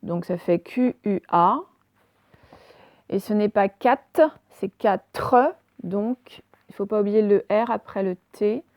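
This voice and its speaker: Woman teacher spelling slowly. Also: mid-range voice, a little mellow, no room sound. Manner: slow, careful dictation, spelling letter by letter. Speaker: primary school teacher. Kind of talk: recorded remote spelling lesson.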